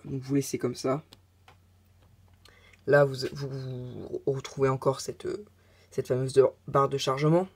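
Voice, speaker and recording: A man narrates a casual step-by-step tech tutorial. His voice is mellow and relaxed in tone, and he talks in a halting way, full of filler sounds and offhand asides. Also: medium pitch, breathy edge. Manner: hesitant, many filler sounds, chatty asides.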